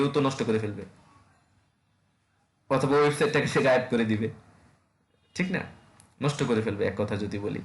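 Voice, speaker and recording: A man's voice: medium pitch, echoey room. A man, teaching an online web design class in a casual way, with many fillers and checks on his students.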